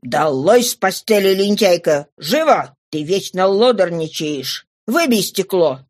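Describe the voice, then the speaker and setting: A woman voicing a scheming, gruff old father who barks curt orders in an audiobook reading. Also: deep voice, normal speed, dry recording, studio quality, voice pushed down. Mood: commanding.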